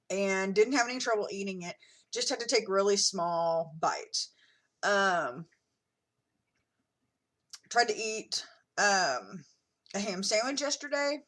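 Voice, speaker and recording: Woman vlogger, slow unhurried pace, lots of ums and restarts, casual video diary, middle-aged. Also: mid-range voice, animated, a bit bright. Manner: unhurried, many fillers and restarts, talks while eating.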